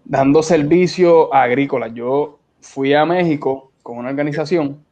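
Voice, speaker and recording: Speaking at a measured pace, this young man from Puerto Rico has a slightly high, slightly mellow voice and a Puerto Rican accent. He's a beach cleanup organizer being interviewed casually over a video call from inside a room, talking in a relaxed, colloquial way through dull, lo-fi audio.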